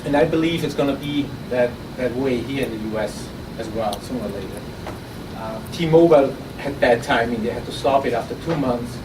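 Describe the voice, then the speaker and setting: A man with an Austrian German accent gives a chatty, loose live pitch for his startup at a moderate pace, restarting often and repeating words. The mic seems set far back in the roomy, echoing conference room of an innovation event. A steady layer of air hiss and room noise runs through the noisy recording.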